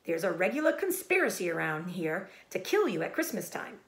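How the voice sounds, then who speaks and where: A woman's voice: on the low side, big pitch swings, brisk. A woman voicing a snappish, world-weary old female sheep in a storybook, blunt and matter-of-fact. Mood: bluntly gossiping.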